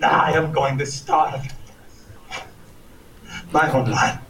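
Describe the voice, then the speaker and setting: A flamboyant Italian heir in a film clip, fake heavy accent, roomy with music beneath. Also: male voice, fairly high pitch, fairly even intonation, gravelly, heavily acted. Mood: eager. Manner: exaggerated, drawn-out and singsong.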